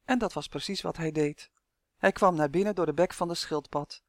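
A narrator reading a children's fantasy story aloud in a steady, expressive way. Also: mid-range voice, normal speed, no room sound, studio quality. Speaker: audiobook narrator.

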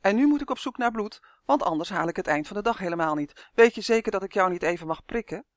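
A storyteller voicing a sneering, whiny male mosquito in a children's audiobook, with a shrill, mocking manner. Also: animated, quick pace, no room sound, studio quality, natural voice.

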